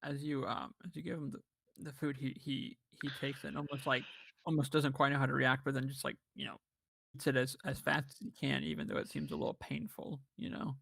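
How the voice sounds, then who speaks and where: A man's voice: mid-range voice, fairly quick, creaky, a bit bright, slightly rough, no echo. A man acting as game master, chatting and narrating casually with frequent fillers. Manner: rambling, many fillers and laughs.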